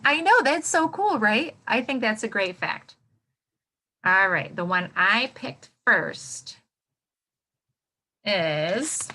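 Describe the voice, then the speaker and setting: A little hiss or hum sits under the medium-pitched, bright, forceful voice of a woman elementary school teacher leading an interactive read-aloud for young children. With exaggerated expressiveness, she encourages them by asking questions and pausing for their responses.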